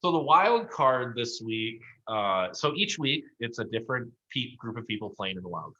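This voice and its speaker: Man rambling warmly through a recap, lo-fi. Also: medium pitch, sing-song, normal speed. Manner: rambling, encouraging, lots of fillers. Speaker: improv league coach and co-host. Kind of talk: casual recap chat.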